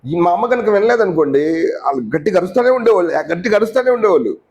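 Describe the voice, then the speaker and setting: A man's voice: high-pitched, animated, very fast, darkish tone. A man preaching a teaching sermon in a conversational way, often asking the listeners questions and mixing in English words.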